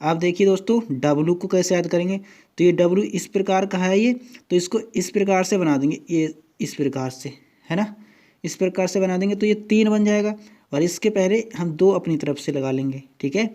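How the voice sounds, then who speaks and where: Man teaching at a board, fairly high voice. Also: dark tone. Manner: repeats "dosto" and "theek hai" often, spells out words slowly. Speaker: exam coaching teacher. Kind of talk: whiteboard tutorial lesson.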